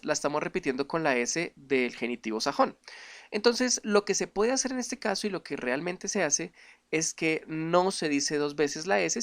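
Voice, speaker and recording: A man with a fairly high, fairly bright voice teaches an online English grammar lesson, explaining patiently and repeatedly questioning his viewers. He models each English example sentence slowly and carefully.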